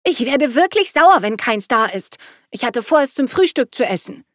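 Female reader voicing a demanding teen daughter, sharp tongue, raised pitch. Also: big pitch swings, a little fast, no echo, clean studio sound. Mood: indignant. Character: teen girl, bossy and irritable.

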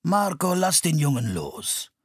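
A kindly, calm gentleman speaks slowly and gently, as a man reads him in a storybook. His voice is a bit husky and lilts widely. The sound is close and dry. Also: on the high side, dry recording, voice pushed up, full character voice. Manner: slow, calm and measured. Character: calm kindly tall man in purple cloak.

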